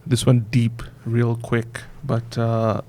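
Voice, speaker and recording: A man's voice: mid-range voice, completely flat delivery, slow pace, warm tone, slight background noise. A man hosting a podcast, asking long, casual questions padded with "you know" and "like". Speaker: podcast host. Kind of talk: podcast interview.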